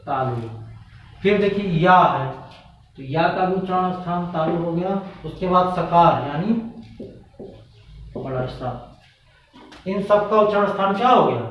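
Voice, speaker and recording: A man teaching Hindi grammar for an exam-prep lesson. He talks patiently and asks questions that he then answers himself. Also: high-pitched. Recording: echoey room, voice from a distance, dull sound.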